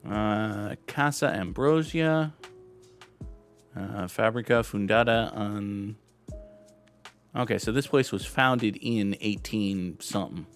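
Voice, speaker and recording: Young guy rambling thru a photo guessing game, slow drawl, kinda low voice, dry jokes at his own expense, faint music behind. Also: fairly even intonation. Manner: rambling, wry, self-deprecating asides. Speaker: gaming channel host. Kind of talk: casual commentary while guessing photo locations.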